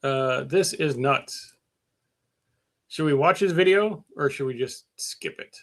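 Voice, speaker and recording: A middle-aged man talks slowly in a slightly bright, mid-range voice while streaming his car work live. The chat is casual and rambling, heavy on fillers and self-deprecating jokes, and he reads viewers' comments out loud.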